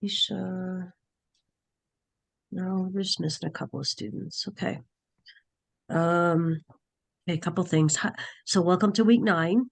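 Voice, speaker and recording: Hoarse woman teacher with a cold, raspy, halting, thinks aloud mid-sentence, video-call class. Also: lowish voice, steady tone. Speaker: nursing class instructor. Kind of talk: online class session.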